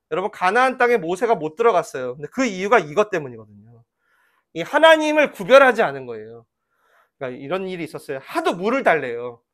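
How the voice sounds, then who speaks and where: A middle-aged man preaching a sermon as pastor, telling the story vividly and leading the congregation in repeating lines. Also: high-pitched. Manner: lively storytelling, acting out voices in quotes; leads congregation in call-and-response reading.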